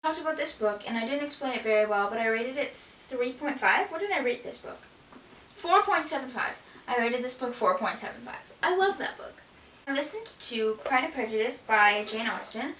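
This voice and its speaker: A woman's voice: fairly high pitch, a bit bright. A woman chatting casually about books she has read, rambling and filling her talk with "like". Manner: rambling, frequent "like" fillers. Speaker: book vlogger. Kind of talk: casual book review chat. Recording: echoey room, from a distance, faint hiss.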